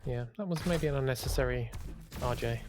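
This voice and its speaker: A man's voice: medium pitch, fairly quick, background noise. A man casting a live esports match in a wry, understated, polite way. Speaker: esports caster and event host. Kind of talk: live game commentary.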